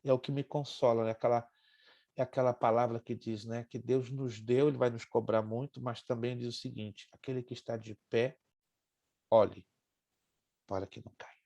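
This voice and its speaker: Gravelly man in his sixties teaching. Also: mid-range voice, moderate pace. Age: 60s. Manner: animated storytelling, acts out quoted voices. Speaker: pastor and Bible teacher. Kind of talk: sermon-style lesson with personal story.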